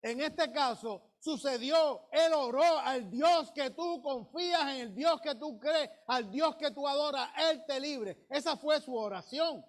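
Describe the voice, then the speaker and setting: A man's voice: extremely high pitch, unhurried, few pauses. A male pastor preaching a sermon, retelling a scripture story and drawing out words for emphasis.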